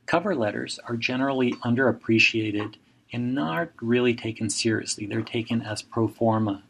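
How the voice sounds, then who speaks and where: In a poorly recorded seminar lecture, a middle-aged journal editor and professor from Mexico offers measured advice through direct commands. Spanish is his native language, and his gravelly, medium-pitched voice has a slightly bright edge.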